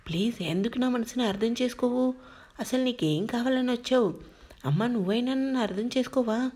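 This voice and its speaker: A woman's voice: a little high, brisk, mellow, close to an everyday voice. A woman voicing an emotional young man who pleads to be understood. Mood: hurt.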